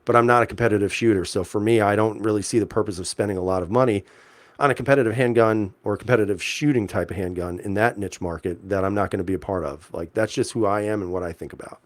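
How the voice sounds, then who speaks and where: Male streamer host, deep-ish relaxed voice, dry close mic, rambling casual chat. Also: quick pace, dry recording. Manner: laid-back, chuckling, lots of fillers and restarts. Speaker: livestream host reading chat. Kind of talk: casual live-chat talk.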